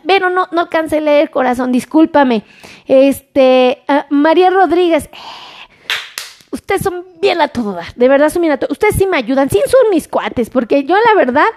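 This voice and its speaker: A woman hosting a live stream, chatty and warm, greeting viewers and repeating their names in a singsong. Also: high-pitched. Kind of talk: live stream chat reading viewer comments.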